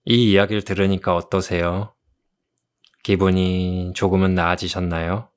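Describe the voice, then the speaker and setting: In this ASMR role-play, a South Korean man plays a gentle therapist consoling a patient, sounding like a tender romantic lead. His voice is low-pitched, clear and resonant, with a flat delivery, and he tells things slowly and soothingly.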